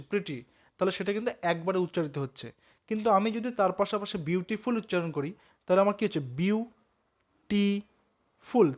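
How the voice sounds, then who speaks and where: A man teaching a grammar lesson with a Bengali accent, explaining step by step and often asking whether students follow. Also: high voice. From West Bengal. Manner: explains step by step, asks checking questions.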